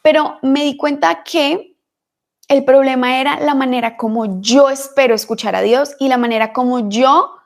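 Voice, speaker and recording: Lady vlogging about faith, earnest, keeps repeating herself for emphasis, kinda gravelly fry. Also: high-pitched, normal speed. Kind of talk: reflective spiritual talk to camera.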